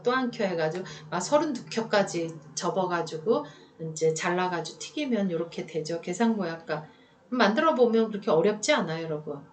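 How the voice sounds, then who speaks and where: A woman giving a chatty lecture on regional food, talking straight to her students and asking them questions. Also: fairly low pitch. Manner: chatty, addresses students as 여러분, asks rhetorical questions. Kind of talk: recorded lecture. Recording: voice a bit far from the mic.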